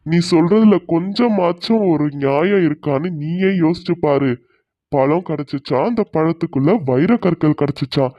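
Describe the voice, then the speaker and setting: Man doing a strict accusing village headman in a cartoon, a bit high, muffled and dry. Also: moderate pace, dry recording, lightly acted. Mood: stern. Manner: stern, accusing. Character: stern male village headman.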